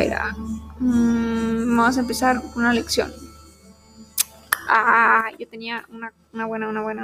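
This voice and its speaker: A young woman talks to herself in a casual vlog, slowly and haltingly sounding out German and English words as she studies. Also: on the high side, fairly bright tone. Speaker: vlogger. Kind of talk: casual self-talk while studying languages.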